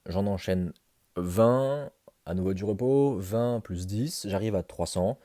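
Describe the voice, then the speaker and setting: A man with a lowish, mellow voice recaps a workout challenge in an informal vlog voice-over. He talks conversationally, as if thinking out loud to his viewers, and the sound is close and dry. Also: slow pace, dry recording. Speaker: fitness challenge vlogger.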